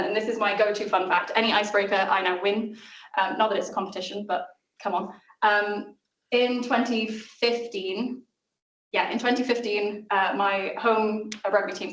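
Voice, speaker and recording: A woman, giving an informal, self-deprecating academic seminar talk full of ums. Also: mid-range voice. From South Wales. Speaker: invited seminar speaker, mathematics lecturer. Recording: roomy lecture room, mic at a distance.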